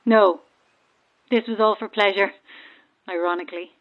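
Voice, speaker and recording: Heard over a thin, narrow-band marine radio call, a woman voices a stranded boat's caller in a horror audio drama, a breezy, self-deprecating Irish passenger. Her medium-pitched voice is fairly even, moderately paced and chatty.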